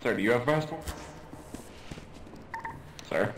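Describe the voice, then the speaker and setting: A man's voice: medium pitch, lively intonation, unhurried, background noise. A man doing casual role-play over game voice chat. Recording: distant, echoey game voice chat.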